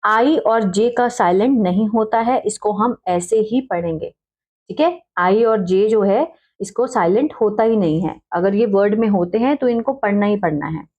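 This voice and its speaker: A woman teaching English spelling slowly, spelling out letters one by one and repeating each word with frequent check-ins. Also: medium pitch, darkish tone, highs cut off. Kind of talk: slow step-by-step spelling lesson.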